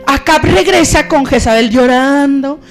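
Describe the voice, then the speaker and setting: Animated, high-voiced woman preaching. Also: measured pace. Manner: animated, conversational, acts out stories. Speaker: pastor. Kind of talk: sermon.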